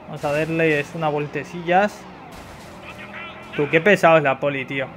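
A young man with a Spain Spanish accent giving excitable, casual gameplay commentary with loud exclamations and frequent swearing, sounding slightly congested. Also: fairly high pitch, moderate pace, faint music behind. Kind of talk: casual let's-play commentary.

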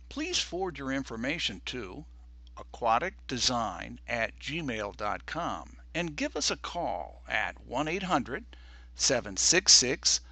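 Bright, lively man in formal voice-over. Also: mid-range voice, dry recording. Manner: formal, measured delivery. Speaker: pool designer presenting services. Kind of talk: scripted voice-over narration.

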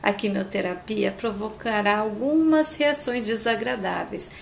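A woman voicing a male doctor explaining a grave diagnosis, in a soft, earnest, gravelly delivery. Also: medium pitch, measured pace, a little hiss or hum. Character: calm middle-aged male doctor, earnest.

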